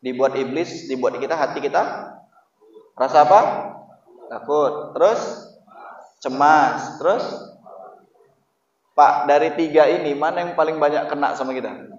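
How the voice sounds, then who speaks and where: A man's voice: on the high side, a little slow, pauses often. Echoey preacher man, asks the crowd questions. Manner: lively, asks the audience questions often. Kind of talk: Islamic sermon to a male audience. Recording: echoey hall, distant mic, dull lo-fi sound.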